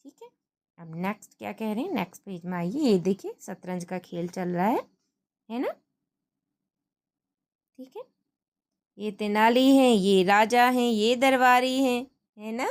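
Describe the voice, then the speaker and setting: A woman's voice: fairly high pitch, lively intonation, a little slow, long pauses. A woman teacher reading a school play aloud and explaining its words to pupils, checking in often.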